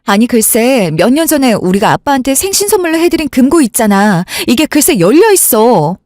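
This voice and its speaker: A woman's voice: fairly high pitch, sing-song, brisk, darkish tone, no room sound, clean studio sound. A woman playing an agitated, grieving elder sister. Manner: insistent, worked up, pushing to call police. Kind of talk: Korean radio drama acting.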